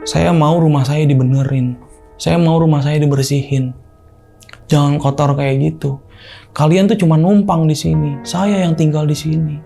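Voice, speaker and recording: A man voicing an angry female spirit who slowly scolds people for dirtying her house. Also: on the high side, fairly even intonation, creaky, warm tone, faint music behind. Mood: scolding.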